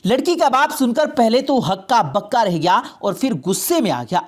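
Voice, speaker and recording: A woman narrating a dramatic story in an expressive storytelling manner. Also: fairly high pitch.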